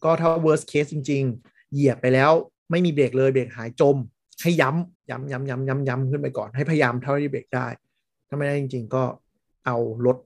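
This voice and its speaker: A man's voice: mid-range voice, vocal fry, dry recording. Rambling, chatty man, dry sound. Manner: rambling, laughs often, trails off with fillers. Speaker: podcast co-host. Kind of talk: casual chat.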